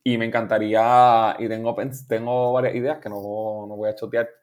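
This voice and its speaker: A young musician from Puerto Rico, speaking with a Puerto Rican Spanish accent, chats as a guest in a casual interview. His mid-range voice moves at a moderate pace, and he's relaxed and rambling, often restarting, laughing easily, and mixing in English words.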